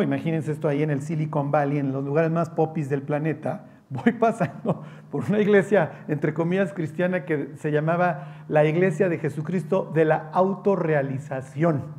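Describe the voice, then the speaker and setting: A man's voice: a little high, darkish tone. A man preaching a humorous Bible study, colloquial and joking, checking in with "¿ok?" all the time. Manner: colloquial and joking, asks "¿ok?" often.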